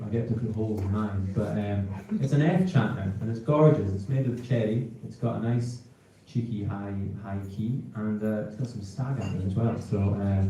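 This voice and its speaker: A man's voice: fairly low pitch, dark tone. A man with a Hebridean Scottish accent, a folk musician talking casually and a little hesitantly between tunes on stage. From North Uist, Western Isles, Scotland. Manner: hesitant, rambling, informal. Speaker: folk piper introducing his set on stage. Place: indoor concert hall, on stage. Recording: echoey hall, distant live concert pickup.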